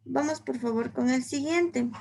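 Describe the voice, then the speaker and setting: Female teacher, fairly high gravelly voice, patient classroom explainer who keeps checking students follow. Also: a little mellow. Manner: repeats "por favor" and "¿sí?", explains slowly with examples. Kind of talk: online lesson on literary figures.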